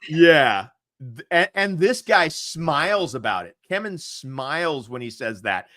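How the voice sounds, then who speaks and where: A man co-hosts a casual chat with a candid, rambling delivery. He fills pauses freely and breaks into laughter mid-sentence. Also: on the high side, very animated, sharp tone. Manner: rambling and candid, with frequent fillers; laughs often while talking. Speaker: co-host.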